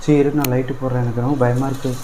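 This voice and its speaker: A man's voice: medium pitch, little pitch movement, rapid-fire, background noise. A man in a casual couple vlog, insistent and teasing as he pranks his partner in a home kitchen at night.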